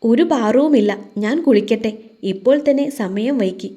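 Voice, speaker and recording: Woman doing a coy, flustered new bride, soft and mellow, audio-story scene. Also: on the high side, normal speed, close to an everyday voice. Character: shy, flustered young bride.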